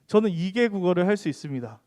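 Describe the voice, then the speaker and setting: Lively high-voiced preacher with mixed dialect. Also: male voice, fast talker. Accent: mixed Gyeongsang and Seoul Korean. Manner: chatty, jokes with and questions the teen audience. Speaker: youth group preacher. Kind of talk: sermon with humorous storytelling.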